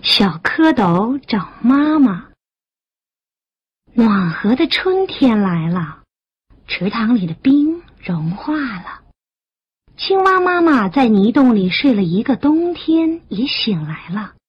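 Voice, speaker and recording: A woman narrating a children's bedtime story in an animated, sing-song manner. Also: fairly high pitch, slow, slightly rough, lo-fi sound.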